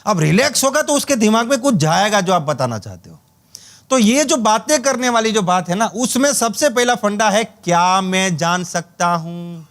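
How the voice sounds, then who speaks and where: A man's voice: high voice, big pitch swings, normal speed, fairly bright tone. A man giving a humorous network marketing training talk, telling stories with acted-out dialogue and chuckles.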